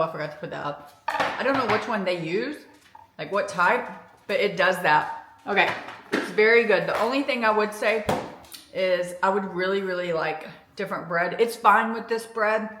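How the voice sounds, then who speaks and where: A woman's voice: medium pitch, fairly bright tone. A woman chatting casually through her cooking vlog, thinking aloud as she makes and tastes dinner in her home kitchen. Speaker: food vlogger. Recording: echoey kitchen with sizzling food.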